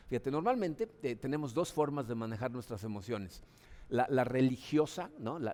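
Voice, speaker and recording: A man, a Mexican pastor, preaching a sermon in a conversational way, often tagging his sentences with a questioning "no?". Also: darkish tone. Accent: Mexican Spanish. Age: adult, father of children. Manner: conversational preaching, frequent "¿no?" tags; acts out voices with sudden high pitch jumps.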